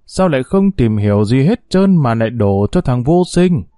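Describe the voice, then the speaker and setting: A man's voice: medium pitch, very animated, moderate pace, warm tone, no echo, clean studio sound, close to an everyday voice. A man voicing a stern older mother who scolds bluntly and coldly in an audiobook story. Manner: curt, scolding. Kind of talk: audiobook character voice.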